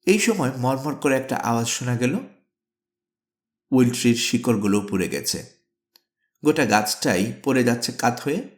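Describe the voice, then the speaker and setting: A man narrating an adventure storybook in a steady, dramatic storytelling manner. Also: mid-range voice. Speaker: audiobook narrator. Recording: echoey room.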